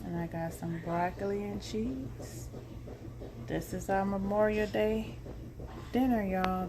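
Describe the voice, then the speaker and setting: Woman vlogger cooking at home, chatting to viewers on a phone camera, mid-range voice, noisy kitchen hum behind. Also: mid-range voice. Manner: chatty, keeps calling viewers y'all. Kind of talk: casual cooking demonstration.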